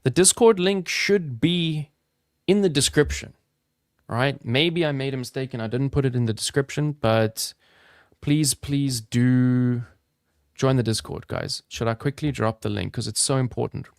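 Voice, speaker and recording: An upbeat, chatty man from South Africa, his South African accent softened toward American, hosting a live trading stream and talking straight to his viewers. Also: medium pitch, measured pace, creaky, no echo, clean studio sound. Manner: upbeat, chatty, addresses chat viewers directly. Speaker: crypto trading livestream host. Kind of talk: casual live-stream commentary.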